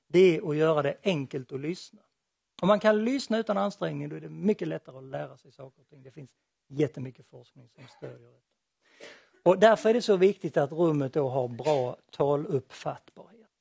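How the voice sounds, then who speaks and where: A man's voice: fairly high pitch, vocal fry, darkish tone, slightly rough, no room sound, studio quality. A man giving an explanatory lecture presentation on acoustics, with a light touch of humor.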